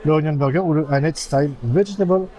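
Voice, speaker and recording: This vlog host speaks quickly, his voice a little high with a darkish tone. Sitting in an American-style diner, he stumbles through the menu with plenty of fillers while affectionately teasing the person he's with.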